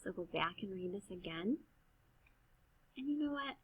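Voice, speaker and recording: A woman teacher giving a gentle, encouraging reading lesson to first graders, slowly sounding out each word. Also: mid-range voice, lively intonation, husky, low-quality recording.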